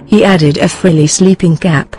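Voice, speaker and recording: A woman narrating a storybook tale in a soft, even reading voice. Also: fairly low pitch, normal speed, over music.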